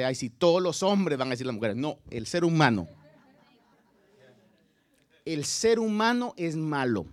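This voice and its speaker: A male pastor delivering a dramatic sermon, swinging from loud emphatic bursts to quiet, drawn-out phrases. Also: a little high.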